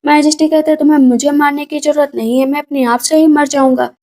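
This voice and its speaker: A woman narrates a drama recap in a high, mellow voice. She retells the story conversationally, repeating lines for emphasis. Her delivery is casual rather than performed. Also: steady tone, fast talker.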